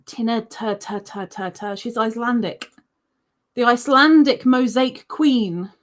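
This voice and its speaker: A woman's voice: a little high, measured pace. A woman hosting a crochet livestream, chatting casually and reading viewer comments aloud, rambling with ums and self-corrections.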